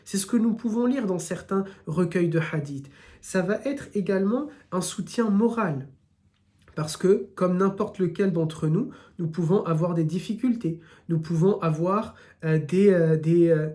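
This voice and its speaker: With a high-pitched, mellow voice, this man teaches a live Islamic lesson in a southern French accent. He addresses his audience directly and develops each point through repeated lists.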